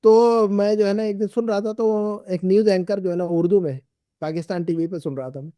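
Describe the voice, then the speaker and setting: A man's voice: high voice, fairly even intonation, a little fast, mellow, no room sound. A middle-aged man teaching an Arabic class, patiently repeating and drilling words with his students. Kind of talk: classroom lesson.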